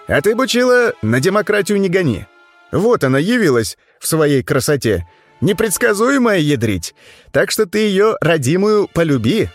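Man voicing a loud, brash snouted devil. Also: fairly high pitch, voice pushed up. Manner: brash, bawdy, rambling. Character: crude boisterous male devil with a snout.

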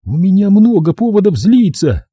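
A male audiobook reader voicing an angry, bitter adult woman held captive in chains, speaking in a raised, higher voice. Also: sing-song, moderate pace, dark tone, slightly rough, dry recording, studio quality, heavily acted. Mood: furious. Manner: bitter, snapping.

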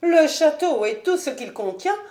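Woman reading a high, commanding noble lady, sharp and disdainful, for a storybook; roomy room. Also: lively intonation, unhurried. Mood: imperious. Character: haughty proud noblewoman, imperious lady of the house. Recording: roomy home recording.

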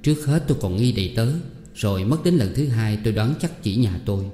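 A man reading a novel aloud in steady, measured first-person narration. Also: lowish voice, slight background noise. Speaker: audiobook reader. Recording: echoey reverberant room, faint ambience.

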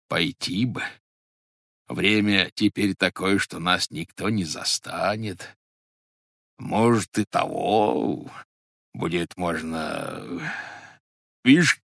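A man's voice: low-pitched, gravelly, a bit bright, no room sound, studio quality, pitched below the performer's own voice, full character voice. A man doing a muttering, sly old Cossack. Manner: muttering to himself, grumbling.

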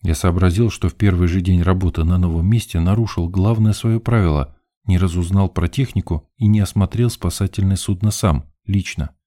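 A man's voice: low voice, fairly even intonation, normal speed, few pauses, mellow, dry recording, clean studio sound. A man narrating an audiobook in a wry, ironic first-person style.

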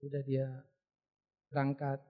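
A middle-aged male pastor preaching a sermon, telling stories in an animated way and acting out the people in them. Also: slow pace, lo-fi sound. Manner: animated storytelling, acts out callers in a high voice.

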